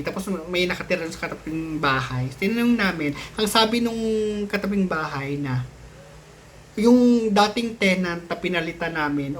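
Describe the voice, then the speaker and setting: With a high-pitched, slightly bright voice and some background noise, a man chats his way through a personal ghost story for his channel. He meanders, mixes Tagalog with English, restarts frequently, leans on fillers, and his voice spikes abruptly when things get tense.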